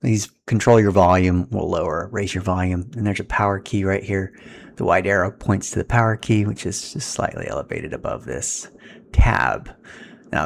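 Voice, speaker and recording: A man with a low, gravelly, creaky voice explains a hands-on setup while working with the equipment, in the relaxed manner of an informal how-to. Faint noise sits under the recording throughout.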